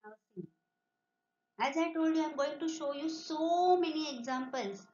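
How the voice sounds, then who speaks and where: A woman teacher with an Indian accent leads an online class, slipping between English and Marathi and imitating animal noises as she explains. Her voice sits fairly high. The recording is muffled and roomy. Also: a little slow, a little mellow, a little hiss or hum.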